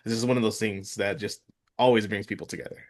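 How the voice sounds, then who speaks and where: Here the mid-thirties sports podcast host, in casual interview conversation, halts repeatedly with restarts and filler words. His pitch is fairly low and his tone stays steady.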